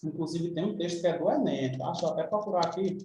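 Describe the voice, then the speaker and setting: A man's voice: fairly high pitch, fast, dark tone, heavy reverb, distant mic, a little hiss or hum, low-quality recording. A man with a Brazilian Portuguese accent teaching an exam review lesson in a chatty, informal way, checking in with his students often. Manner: chatty, informal, frequent tag questions.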